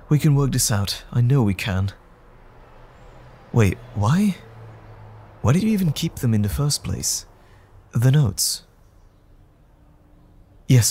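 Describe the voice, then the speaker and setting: An actor playing Dr. Jekyll, an earnest, anxious gentleman scientist who speaks hesitantly and stammers, in a dramatic audio roleplay. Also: mid-range voice, slightly rough. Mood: earnest, focused.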